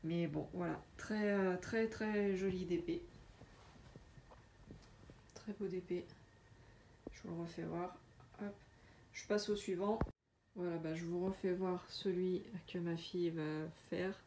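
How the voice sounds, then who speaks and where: A woman chatting casually through a craft unboxing, hesitant with many filler pauses. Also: on the low side, steady tone, mellow, a little hiss or hum. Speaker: diamond painting vlogger.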